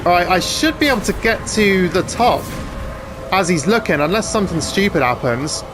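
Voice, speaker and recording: Excitable gamer, slightly high. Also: male voice, moderate pace, music in the background. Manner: excitable, chatty, frequent restarts. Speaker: gaming YouTuber. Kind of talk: gameplay commentary.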